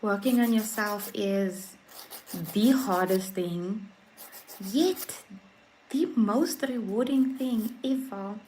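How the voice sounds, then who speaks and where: A woman hosting a casual faith talk on a livestream, emphatic and repetitive, swinging between soft murmurs and high exclamations. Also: slow, slight background noise. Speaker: livestream host.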